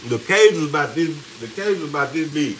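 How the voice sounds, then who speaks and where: Lively storytelling man in a kitchen. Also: fairly high pitch, fairly quick, slight background noise, poor audio. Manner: animated, laughing storyteller, Southern-style slang. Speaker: cooking vlog co-host. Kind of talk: casual storytelling chat. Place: home kitchen with frying food.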